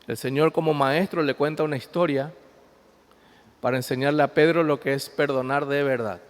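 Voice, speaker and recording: Male pastor, slightly high voice, sermon in a church with long echo, reads scripture and explains it. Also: steady tone, normal speed. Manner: swings between loud emphasis and quiet asides. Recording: long hall reverb.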